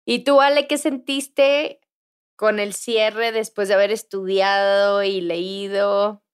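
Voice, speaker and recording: A woman's voice: mid-range voice, steady tone, takes it slowly, clear, resonant tone. A woman with a Mexican accent in casual podcast chat, musing as she talks. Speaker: podcast co-host.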